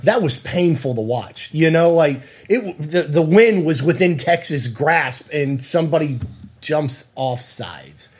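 A man's voice: on the high side, animated, unhurried, darkish tone, husky. A man hosting a sports podcast, chatting casually and steering the talk with questions. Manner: conversational, leads the questions. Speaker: podcast host.

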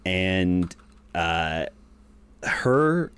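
A man's voice: sits low, big pitch swings, very slow, a bit bright, smooth, dry recording. A man co-hosting a podcast, talking enthusiastically in casual chat, with lots of "like" fillers and restarts. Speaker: podcast co-host. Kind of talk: casual show recap chat.

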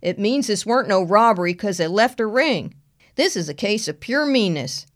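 A woman voicing a big, burly, gruff male sheriff in his fifties with a blunt, swearing drawl. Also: mid-range voice, animated, moderate pace, voice pushed up, natural voice. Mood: instructive, blunt.

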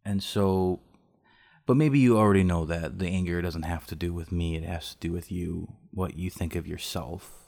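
A young man with a very deep voice speaks calmly and steadily. His manner is reassuring and unhurried in a relaxed talk between two people. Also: vocal fry. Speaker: podcast co-host. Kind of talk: casual intimate conversation.

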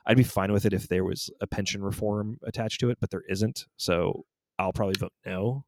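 A man's voice: on the low side, steady tone, a little fast, darkish tone, no room sound. A man in his forties co-hosting a podcast, chatting casually and rambling through stories with frequent self-corrections. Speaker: podcast co-host. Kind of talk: casual chat.

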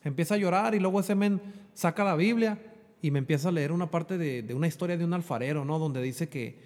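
A Mexican guest gives an emotional faith testimony about his own life, speaking earnestly and fast in Spanish while repeating "bro" and dropping in English fillers. His voice is somewhat high but darkish in tone, and a long, hall-like reverb hangs on the recording.

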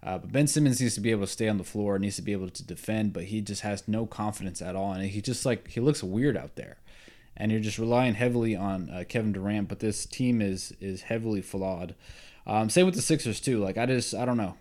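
A young man talks through sports news on his own podcast, his voice sitting a bit low. He is casual and opinionated, doubling back on words and filling gaps with "um" and "uh" as he goes. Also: a little fast, darkish tone. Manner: rambling, opinionated, many fillers and restarts. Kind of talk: solo casual sports talk.

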